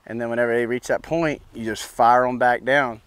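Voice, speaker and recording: A man's voice: medium pitch, fairly even intonation, fairly quick, fairly bright tone, clear, resonant tone, dry recording. A man in his thirties coaching a new bronc rider outdoors at a ranch pen, talking in a loose, easygoing way and often saying "you know what I'm saying". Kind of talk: casual instruction.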